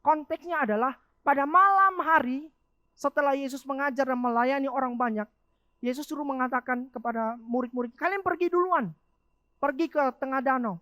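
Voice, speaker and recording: A woman delivers a youth sermon in a high voice. She preaches in an animated way, asking rhetorical questions and answering them. The sound is dry and close. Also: brisk, no echo. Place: church.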